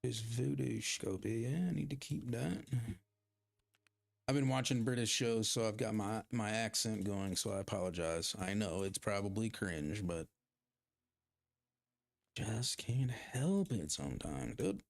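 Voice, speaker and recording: A man with a fairly low, creaky voice talks a little slowly while streaming a game. He rambles and pokes fun at himself as he plays, chatting casually with his viewers.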